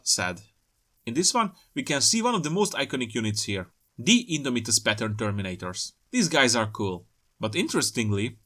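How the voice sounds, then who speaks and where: Commenting on trailer pictures as host of a hobby video, this man keeps things casual and playful, with a somewhat scripted feel and joking asides. He speaks at medium pitch with a fairly bright tone.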